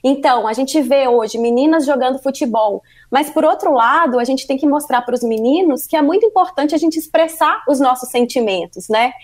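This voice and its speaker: A Brazilian Portuguese woman speaks as an interview guest. Her voice sits high, and she explains her points in an earnest, structured way, often adding a questioning tag. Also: normal speed, few pauses, a little mellow. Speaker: guest, workplace parenthood consultant. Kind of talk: interview answers.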